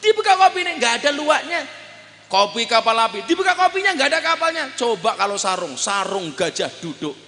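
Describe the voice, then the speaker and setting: A man preaching a comedic sermon, jokey and animated, shouting punchlines and making sound effects. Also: extremely high pitch, fairly quick. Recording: long hall reverb.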